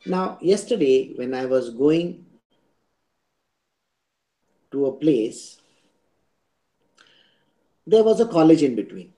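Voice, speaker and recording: A man's voice: fairly high pitch, big pitch swings, takes it slowly, pauses often, dark tone, low-quality recording. A man with an Indian English accent giving a spiritual discourse, teaching didactically through everyday examples and checking in with rhetorical questions.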